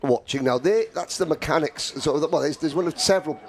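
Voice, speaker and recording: A man's voice: fairly high pitch, fast, crowd noise. A man with a British accent co-commentating at a karting event, jokey, pointing out people in the paddock. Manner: jokey, lively paddock gossip.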